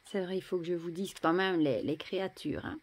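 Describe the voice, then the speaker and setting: A French woman casually showing and admiring tarot cards, chatty, often dropping to a soft murmur. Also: lowish voice, fairly even intonation, fairly quick. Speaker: tarot deck reviewer. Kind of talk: casual show-and-tell.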